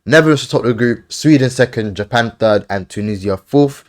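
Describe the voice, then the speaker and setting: A man hosting a casual football podcast, briskly running through lists and giving offhand opinions. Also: mid-range voice. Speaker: podcast host.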